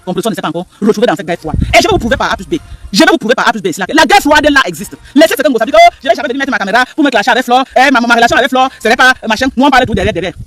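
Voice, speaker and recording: Commentator: man with a very high, bright voice, rapid emphatic delivery, rhetorical questions. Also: animated. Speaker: live stream commentator. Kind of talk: animated live stream commentary.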